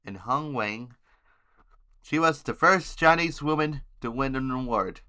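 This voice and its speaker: Hosting a homemade news podcast, a man with a bright, forceful, expressive voice at middling pitch reads the headlines haltingly. He trips over words and names and drops in casual asides.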